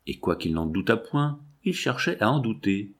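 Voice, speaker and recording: With a lowish voice, a man narrates a classic novel as an audiobook, reading in a measured, expressive way.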